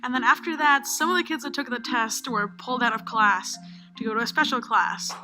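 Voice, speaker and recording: A woman answering interview questions with quick, flowing storytelling. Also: on the high side. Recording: interview clip with music underneath.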